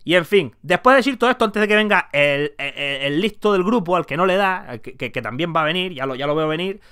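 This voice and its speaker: A man ranting heatedly about football in an opinion vlog, emphatic and swearing freely. His voice sits high and sounds bright and crisp. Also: lively intonation, fast talker. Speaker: football commentator.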